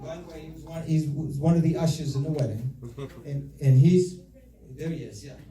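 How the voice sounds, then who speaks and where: A man's voice: fairly high pitch, mellow. Middle-aged man's echoey father of the bride speech. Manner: storytelling with deliberate pauses and repeated phrases. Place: reception room before an audience. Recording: echoey room, distant mic, audience noise. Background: audience laughter and crowd noise.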